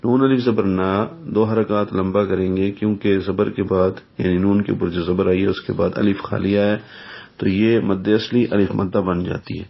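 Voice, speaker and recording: A man teaching the rules of Quran recitation, explaining slowly and methodically and pausing to recite example verses. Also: low-pitched, fairly even intonation, gravelly. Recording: dull lo-fi recording.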